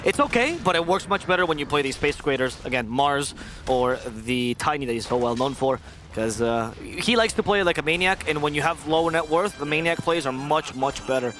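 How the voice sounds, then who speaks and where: A man casting a live esports match, analysing the play quickly and slipping in jokes. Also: a little high, expressive, fairly bright tone. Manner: fast, analytical, joking. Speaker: esports caster. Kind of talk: live game commentary.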